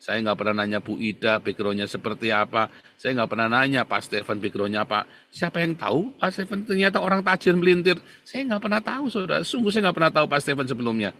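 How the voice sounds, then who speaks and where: A male pastor giving a casual, conversational sermon. He talks to the congregation directly and swings between loud bursts and quiet asides. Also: medium pitch, fast, a little hiss or hum. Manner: animated, colloquial, addresses listeners as "saudara".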